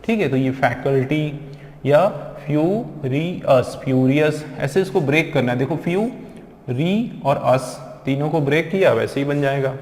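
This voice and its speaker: A man teaching English pronunciation in a classroom lecture, drilling words slowly and repeating them aloud. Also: medium pitch, darkish tone. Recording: echoey classroom with long reverb.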